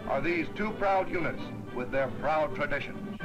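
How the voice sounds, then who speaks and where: A man's voice: fairly high pitch, muffled recording. 1940s newsreel narrator, man, over music. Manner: brisk, ceremonial announcing of names and honours. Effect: old 1940s newsreel sound.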